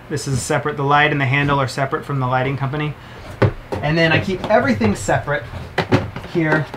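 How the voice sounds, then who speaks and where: A man in his thirties, sitting in a sailboat's indoor cabin, handles camera gear piece by piece and explains it to the camera in a casual, cheerful, talkative review. His voice is on the high side, with background noise present.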